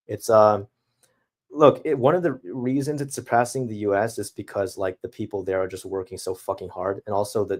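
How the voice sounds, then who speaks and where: Young guy, slightly low voice, halting and reflective as he reads and answers chat. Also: a little mellow. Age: young adult. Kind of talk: casual chat.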